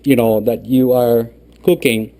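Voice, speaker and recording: Slow, patient man teaching cooking. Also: medium pitch, fairly even intonation, mellow. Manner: patient, repeats "okay" often. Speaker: home cooking instructor. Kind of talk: step-by-step cooking demonstration. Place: home kitchen.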